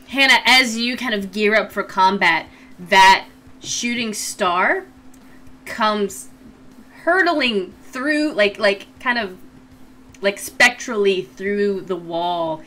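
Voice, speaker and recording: A woman running a tabletop game as game master, improvising the narration in a playful, halting way. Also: mid-range voice, bright, forceful tone. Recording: faint background noise.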